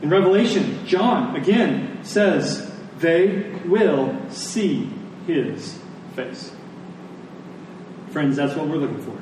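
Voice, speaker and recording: A man with a somewhat high voice, lively intonation and a slow pace preaches an earnest, emphatic sermon, using repetition for weight and closing in prayer. It comes from a church service in a large echoing room, heard from a distance with faint noise.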